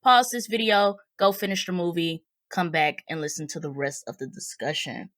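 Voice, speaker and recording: A woman with a low voice hosts a casual review podcast. She speaks in a slangy, conversational style. The sound is close and dry, with little room around her. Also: steady tone, moderate pace, a bit bright, no room sound. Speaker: podcast host.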